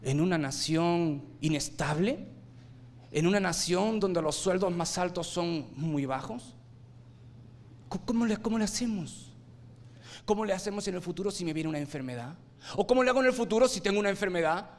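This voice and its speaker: Preaching animatedly at a normal speed, a man shifts between forceful loud outbursts and soft, low lines, throwing rhetorical questions at his congregation.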